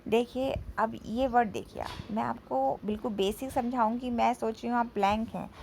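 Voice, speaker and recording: A woman with an Indian accent teaching an English vocabulary lesson, saying each sentence in Hindi and then repeating it slowly in English. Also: fairly high pitch, fairly even intonation, vocal fry, darkish tone, slight background noise, low-quality recording.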